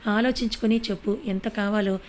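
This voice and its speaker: A woman voicing a kind older father in an audio story, speaking to his daughter in a gentle, coaxing way. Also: medium pitch, fairly even intonation, brisk, slight background noise, natural voice.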